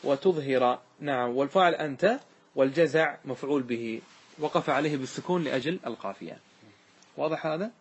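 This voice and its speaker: A man's voice: fairly high pitch, fairly quick, slightly rough. A man, a sheikh giving a classroom grammar lesson, explaining step by step, repeating examples and quizzing his students.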